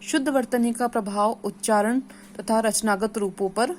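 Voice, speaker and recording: A woman's voice: fairly high pitch, steady tone, normal speed, a little mellow, slight background noise. A woman from India, an assistant professor giving a classroom lecture to teacher trainees, stating each point and then repeating it in simpler words. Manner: explains each point, then repeats and restates it in plain terms.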